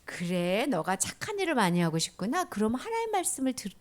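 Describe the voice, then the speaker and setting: A kind, patient Jesus from a children's Bible story, speaking gently and often softly, as a woman tells it. The voice stays close to her own but lively in pitch, and it warms to each instruction. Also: brisk. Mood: gentle. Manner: gentle, soft, often whispered.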